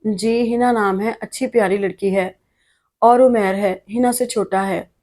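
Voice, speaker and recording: A woman's voice: medium pitch, fairly even intonation, unhurried, darkish tone, close to an everyday voice. A woman narrator voicing a reserved, guarded young woman doctor who answers briefly and with restraint. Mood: restrained.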